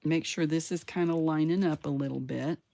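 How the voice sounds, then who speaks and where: This craft channel host speaks low and fairly quickly, with fairly even intonation, vocal fry, and a mellow quality. Working through a casual crafting tutorial, she chats to herself and her viewers, adding playful sound words and small cheers for herself.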